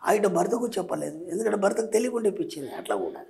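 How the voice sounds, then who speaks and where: A man's voice: sits high, big pitch swings, racing, gravelly, mellow. Man explaining, keeps asking "understood?". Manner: keeps checking understanding with rhetorical questions. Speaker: spiritual teacher guest. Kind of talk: explanatory advice talk.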